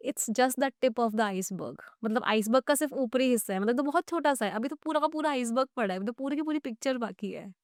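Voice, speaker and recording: A woman's voice: sits high, animated, fast talker, few pauses, no room sound, studio quality. A woman English teacher in a podcast interview, explaining tips step by step and spelling long words out letter by letter.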